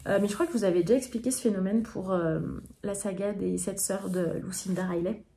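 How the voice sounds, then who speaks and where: A woman's voice: medium pitch, fairly even intonation, fairly quick, warm tone. A tired young woman from France, chatting at home about her books, with many hesitations and restarts. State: tired, yawning. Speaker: book vlogger. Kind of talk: casual chat to camera. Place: home, indoors in the evening.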